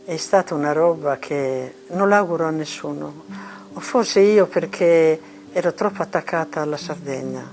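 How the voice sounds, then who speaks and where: An older woman from Sardinia with a Sardinian Italian accent, haltingly recalling hard years in an interview. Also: deep voice, darkish tone, soft background music. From Carbonia, Sardinia. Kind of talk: reminiscing in an interview.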